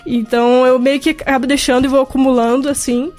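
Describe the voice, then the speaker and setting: A woman chatting casually on a podcast, relaxed and self-deprecating. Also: high voice, quick pace. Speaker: podcast guest. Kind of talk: casual chat.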